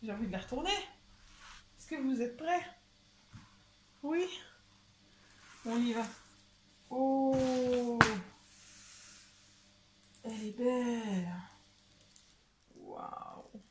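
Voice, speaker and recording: A young woman chatting excitedly as she unboxes a craft kit at home, often stumbling and repeating words. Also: a little high, vocal fry, a little hiss or hum. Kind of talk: casual unboxing chat. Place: home with a washing machine running.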